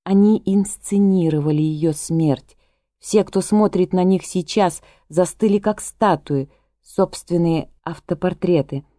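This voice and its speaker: A woman reading a literary novel aloud as audiobook narrator, in a measured, even way, close to a studio mic. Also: on the low side, no echo.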